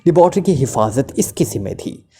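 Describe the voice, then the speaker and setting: A man's voice: on the high side, very animated, a little fast, mellow, slightly rough. A man voices a terrified male club owner who stammers and trembles under interrogation, then talks on and on. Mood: talkative.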